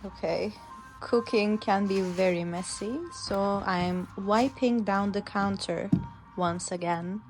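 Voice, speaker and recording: A Turkish-speaking English teacher narrates a cooking video slowly for language learners, over loud music. Her voice is medium-pitched with fairly even intonation, and she describes each step in plain, simple sentences.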